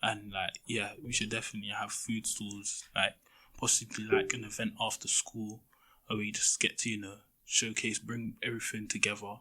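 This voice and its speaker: Husky, flat-toned teenage guy. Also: lowish voice, normal speed. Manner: relaxed, many "you know" fillers. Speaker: student podcast panelist. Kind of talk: casual discussion.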